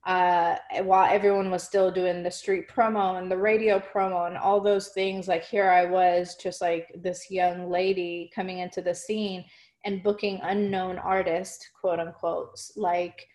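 A woman's voice: on the low side, flat delivery, measured pace, a little mellow. A woman talking casually as an interview guest, chatty and full of fillers. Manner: chatty, fillers like "like" and "you know". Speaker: music marketing guest.

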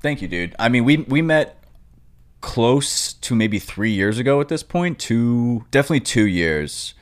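A man's voice: medium pitch, big pitch swings, unhurried. A young man hosting a casual interview, talking informally. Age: young adult. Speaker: podcast host.

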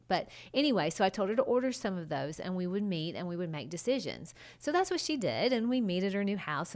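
A woman hosting a solo podcast in a casual, conversational way, speaking straight to her listeners with emphatic points. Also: lowish voice. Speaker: podcast host and design consultant.

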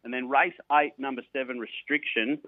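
Man, Australian accent, matey colloquial sports presenter, mid-pitched, close dry radio sound. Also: steady tone, moderate pace, dry recording, phone-quality sound. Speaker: radio greyhound racing presenter and tipster. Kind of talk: casual sports radio interview and racing tips.

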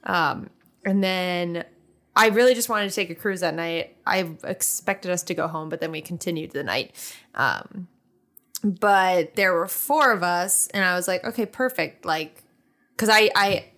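A young woman co-hosting a podcast, telling an animated story with swearing and frequent laughter. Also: lowish voice, a little slow. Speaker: podcast co-host. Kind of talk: casual chat.

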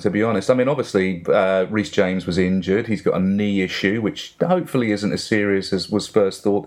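Middle-aged male football podcast guest, low-pitched, Essex accent, casual conversational delivery. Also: darkish tone. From Essex and east London, England.

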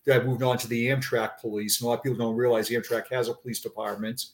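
Middle-aged Boston man, halting and conversational. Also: medium pitch, level tone. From Massachusetts, United States. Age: 50s. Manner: halting, repeats words and phrases. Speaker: interview guest, retired police officer. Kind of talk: conversational personal account.

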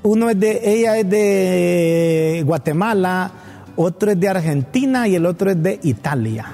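A man's voice: sits high, expressive, gravelly, dark tone, faint music behind. A man from Honduras, co-hosting a casual political talk show and arguing points and correcting details. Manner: quick, argumentative, corrects details.

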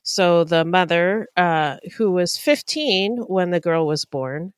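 A woman co-hosting a casual podcast, animated and quick to react. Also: fairly low pitch, clear, resonant tone, no room sound, clean studio sound. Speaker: podcast co-host.

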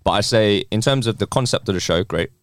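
A man's voice: lowish voice, fast talker, no echo, clean studio sound. A man with a London roadman accent chatting casually with friends, emphatic and often repeating himself. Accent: London roadman, urban slang. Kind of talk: casual group chat.

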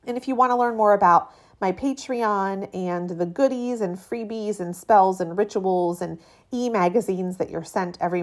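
A woman in her late thirties hosting a solo podcast in a casual, chatty, informal way. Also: medium pitch. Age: late 30s. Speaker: podcast host. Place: cabin with a metal roof in rain.

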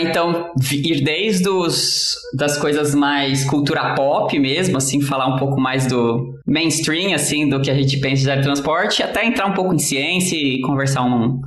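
A man's voice: a little high, fairly bright tone. A Brazilian man hosting a casual podcast chat, joking and telling stories with frequent laughs. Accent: Brazilian Portuguese. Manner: joking, storytelling, laughs often. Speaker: podcast host. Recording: roomy echo.

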